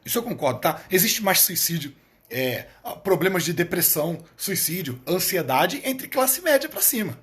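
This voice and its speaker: A man's voice: high voice, big pitch swings, moderate pace, a bit bright. A middle-aged man hosting a live stream, talking bluntly and emphatically, repeating lines for punch and swearing casually. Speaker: live stream host, therapist coach.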